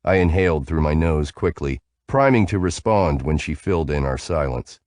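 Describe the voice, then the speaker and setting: A man narrating a first-person audiobook in a calm, even storytelling manner, close to the mic. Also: a bass voice, normal speed, no echo.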